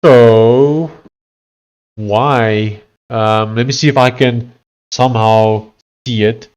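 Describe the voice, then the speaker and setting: A medium-pitched, steady, smooth voice with a darkish tone belongs to a South African livestreaming coder with an Afrikaans accent; the recording's highs are cut off. He chats in a conversational way and reads messages and text aloud haltingly.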